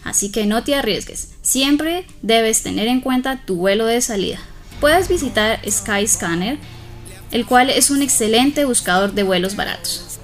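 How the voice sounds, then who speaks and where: A woman's voice: fairly high pitch, expressive, measured pace, soft background music. A woman co-hosting a language lesson, giving travel tips and repeating English phrases twice each. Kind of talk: teaching English phrases in Spanish.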